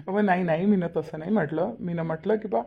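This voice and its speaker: A woman voicing a teasing, always-hungry elderly village father-in-law in a cartoon, with a low husky voice. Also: brisk, narrow, tinny audio. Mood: mocking. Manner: teasing, chuckling. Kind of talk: cartoon voice acting.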